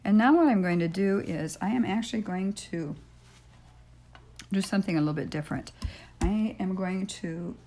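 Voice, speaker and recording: At a normal pace, an older woman with a warm, raspy, medium-pitched voice chats through a casual polymer clay tutorial in her home craft room, thinking aloud and frequently saying "um" as she works. A fixed camera mic captures her.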